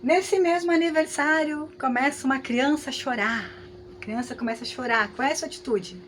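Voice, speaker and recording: High-voiced Brazilian woman teaching. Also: brisk, slight background noise. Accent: Brazilian Portuguese. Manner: lively, conversational, frequent tag questions. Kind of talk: lecture with hypothetical examples.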